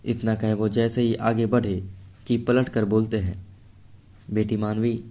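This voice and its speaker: A man narrating a dramatic Hindi love story at a steady storytelling pace. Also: fairly low pitch, a little slow.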